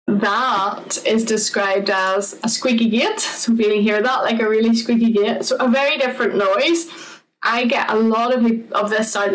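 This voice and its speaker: A woman's voice: mid-range voice, distant mic, low-quality recording. A woman, a conservation officer giving an informal online talk, explaining in a chatty way with lots of fillers.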